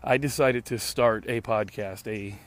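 His voice is lowish and unhurried, hoarse and on its way out: a podcast host in his late thirties rambling alone in a park. The casual monologue is sardonic and full of swearing.

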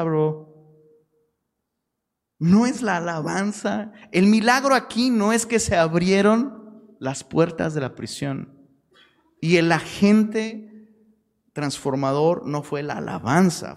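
A man with a Mexican accent preaching a casual, slangy Bible-study sermon, switching between quick asides and bursts of shouted emphasis. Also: sits high, big-room sound. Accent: Mexican Spanish.

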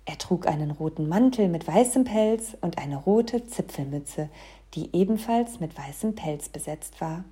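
A woman telling a children's story with a very lively, sing-song melody. Her voice is mellow and soft-edged, and slightly husky. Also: fairly low pitch, unhurried. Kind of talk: storybook reading aloud.

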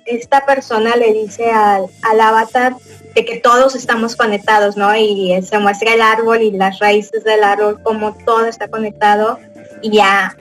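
A podcast host, a young woman with a Mexican Spanish accent, chats casually and rambles, dropping in many fillers and little laughs. Her voice sits on the high side and is fairly bright, and the recording is rough.

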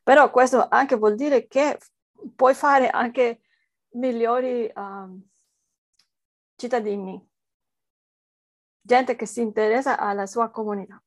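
A woman's voice: on the high side, steady tone, slow pace, long pauses, no echo. A woman researcher with a foreign accent, answering interview questions hesitantly as she searches for words in a language that is not her first. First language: not Italian, speaks it as a foreign language.

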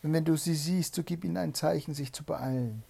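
A man's voice: on the high side, a little fast, vocal fry, mellow, slightly rough, voice pushed up, exaggerated voice. A man reading a fairy tale aloud and voicing a frightened young wife who pleads urgently in a raised voice. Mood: pleading.

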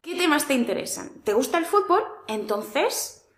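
Woman, Spain Spanish accent, language teacher, slightly high voice, echoey room. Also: very animated, fairly bright tone. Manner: clear, deliberate, coaching tone. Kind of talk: language lesson to camera.

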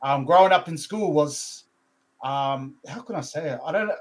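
A man's voice: fairly high pitch, moderate pace. A man from Brisbane, chatting informally as a podcast guest, using brotherly slang and "eh" tags. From Brisbane, Australia, born in New Zealand. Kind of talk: casual interview chat.

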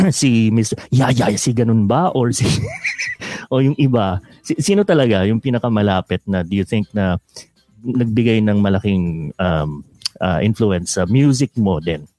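A man's voice: lowish voice, expressive, a little slow, mellow, dry recording. Guy hosting a chill interview, chatty, laughs a bunch, voice bounces around. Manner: chatty, laughs often, many fillers. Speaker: host. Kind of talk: casual interview reading viewer questions.

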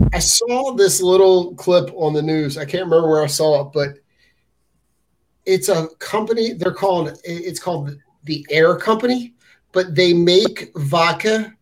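A man with a notably high voice chats casually on a podcast among friends. He teaches science and often restarts his sentences, repeating words as he goes. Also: rough recording.

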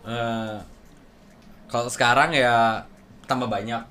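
A man's voice: mid-range voice, steady tone, slow, sharp tone, slight background noise. A man with an Indonesian accent, a guest telling stories casually and jokily in slang with English phrases mixed in. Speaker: guest, former BMX rider. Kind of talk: casual podcast chat, storytelling.

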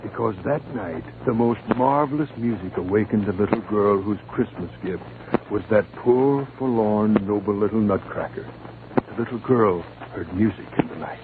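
Speaking at a normal speed in a natural, fairly low voice, a man narrates a scripted story with a storyteller's dramatic flair, 1950 radio style. The broadcast sounds tinny and noisy.

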